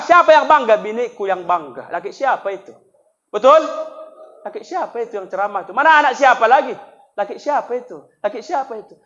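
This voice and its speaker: Male preacher, high voice, comic sermon with sudden loud peaks and hushed asides; muffled lo-fi audio. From North Sumatra. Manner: swings between loud preaching and soft asides, acts out dialogue. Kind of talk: comic sermon at a religious festival. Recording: dull lo-fi sound.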